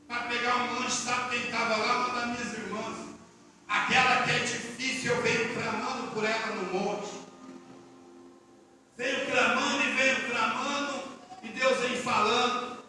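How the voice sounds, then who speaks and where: High, bright-voiced fervent preacher man. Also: level tone, a little slow, pauses often. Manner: fervent, rising to shouted declarations. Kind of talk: Pentecostal sermon. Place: church. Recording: echoey church hall, mic at a distance.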